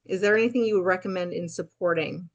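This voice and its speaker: A woman's voice: lowish voice, fast, lo-fi sound. A woman asking questions on a call, searching for words with many fillers and restarts. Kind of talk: casual interview questions.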